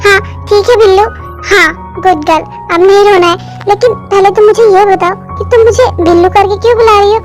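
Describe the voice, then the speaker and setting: A woman voicing a gentle, patient young husband who coaxes and reassures, in an amateur fan dub. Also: extremely high pitch, steady tone, brisk, over music. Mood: soothing. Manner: coaxing, reassuring.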